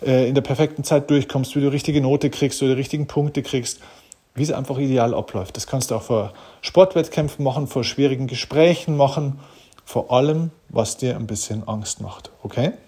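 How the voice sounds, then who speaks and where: A man's voice: mid-range voice, fairly quick, warm tone, slightly rough. A man giving an earnest, direct motivational talk, answering questions and addressing the listener personally. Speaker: motivational speaker.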